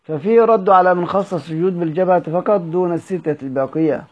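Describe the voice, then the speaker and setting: A man reading a classical text aloud as a teacher, in measured tones, stressing each verse heading and adding brief asides. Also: sits high. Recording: narrow phone-like audio.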